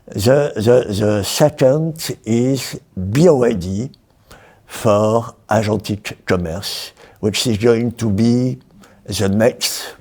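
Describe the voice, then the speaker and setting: A man, a payments executive answering interview questions haltingly, with many fillers and restarts as he works through a list of points. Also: lowish voice, darkish tone. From France. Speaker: payments industry executive, guest. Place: event studio.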